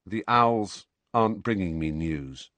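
A resigned teenage boy who answers coldly and tonelessly, as a man reads him aloud. The voice stays low and husky in a dry, close recording. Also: takes it slowly, no room sound, heavily acted. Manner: cool, flat.

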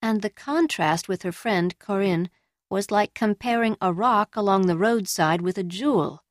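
A woman reading a novel aloud in steady, measured scripted narration. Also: medium pitch, no echo, clean studio sound. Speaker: audiobook reader.

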